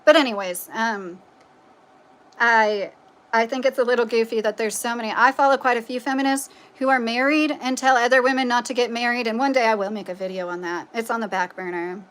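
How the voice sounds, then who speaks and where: Speaking briskly in a slightly high, nasal voice that's a bit bright, this woman keeps her intonation fairly even. She hosts a casual livestream from Kentucky, United States, reading viewer comments and rambling opinionatedly with frequent "like" and "you know."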